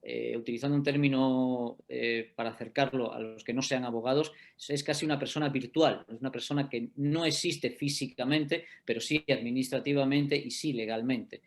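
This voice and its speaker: A man's voice: mid-range voice, fairly even intonation, moderate pace, few pauses. A middle-aged man giving a law lecture in an online class, explaining step by step and often checking that listeners follow. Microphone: video call.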